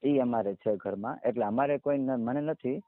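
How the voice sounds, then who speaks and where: A man's voice: medium pitch, moderate pace, no room sound. A man, answering a phone interview as a marriage candidate and retelling arguments in long runs of quoted speech. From Gujarat, India. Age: 30s. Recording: dry tinny phone line.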